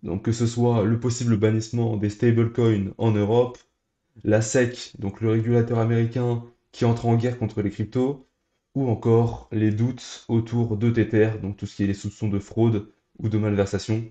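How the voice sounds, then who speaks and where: A man's voice: on the low side, flat delivery, moderate pace, dark tone, reverberant. A young man hosting a crypto news channel, talking straight to his viewers in an upbeat, scripted way. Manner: upbeat, direct address to viewers. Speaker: crypto YouTube host.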